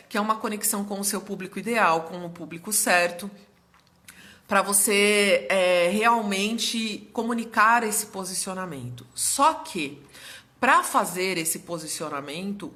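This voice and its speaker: On her live stream, a young woman mentor speaks at medium pitch with a bright but slightly hoarse voice. She explains things in a chatty way and repeatedly checks in with viewers.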